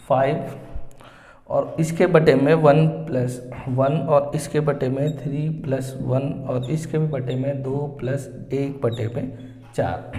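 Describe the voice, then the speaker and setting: A man teaching maths at a board, explaining each step slowly and repeating the same phrases as he goes. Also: on the high side, a little mellow. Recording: echoey room with long reverb.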